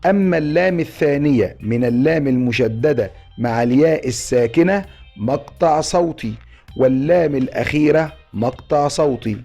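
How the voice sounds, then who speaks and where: A male teacher with an Egyptian accent walks through word syllables patiently, slowing to sound them out one by one. His voice sits slightly high and rings in a roomy space. Soft music plays faintly underneath. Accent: Egyptian Arabic. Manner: explains step by step, spelling out syllables slowly. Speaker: Arabic grammar teacher. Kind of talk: online lesson.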